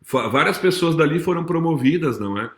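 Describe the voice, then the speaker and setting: A man's voice: on the high side, expressive, brisk, fairly bright tone. A man, a speaker and business consultant giving a live talk to a corporate audience, emphatic and repetitive, ending lines with tag questions. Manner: emphatic, repeats phrases, tags lines with "certo?" and "não é?". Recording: echoey room.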